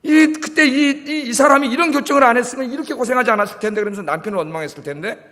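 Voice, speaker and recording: Under the sanctuary's long reverb, a male pastor delivers a sermon in an extremely high, bright, forceful voice at a rapid-fire pace. He puts questions to the congregation, supplies the answers, and lets the ends of phrases fade nearly to a whisper.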